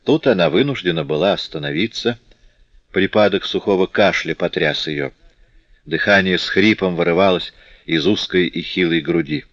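Deep-voiced man reading a classic novel. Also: normal speed, fairly bright tone, dry recording. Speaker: audiobook narrator. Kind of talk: scripted audiobook narration. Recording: dull dry lo-fi audiobook recording.

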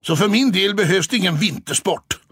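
A man's voice: high voice, expressive, fairly bright tone, breathy edge, no echo, studio quality, pitched above the performer's own voice, full character voice. A man voicing a haughty, grumpy tomcat. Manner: haughty, stern, scolding. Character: proud, grumpy male town cat who thinks himself finest. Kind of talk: audiobook character voice.

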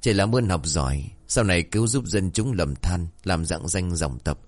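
A man's voice: low voice, expressive, normal speed, dry recording. Bossy stepmother, a man putting her on. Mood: scolding. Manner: scolding, lecturing. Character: scheming stepmother, sharp-tongued and bossy.

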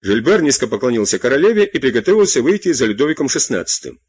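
Husky male audiobook narrator. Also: medium pitch, very animated, fast talker, dry recording. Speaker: audiobook reader.

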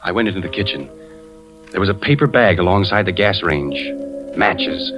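A deep, animated, slightly bright male voice at normal speed: an American actor plays an anguished, suspicious husband who works as an insurance investigator. He narrates his own story in first person, brooding and tense, in 1940s radio drama style, on a dull period recording with music.

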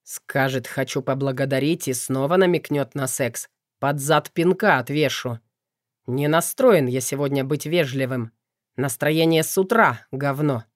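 A man's voice: mid-range voice, unhurried, dry recording, clean studio sound. A man narrating an audiobook in first person, curt and irritable.

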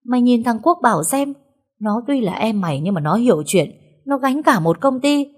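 A woman voicing a wealthy, furious older father in a storybook reading, scolding loudly. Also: on the low side, animated, fast. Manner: loud scolding.

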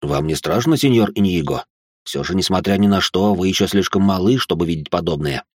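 A man's voice: low-pitched, fairly quick, slightly rough, no echo, studio quality. A man voicing a huge, respectful Swiss mercenary with a weary manner. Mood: concerned. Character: huge calm Swiss male mercenary bodyguard.

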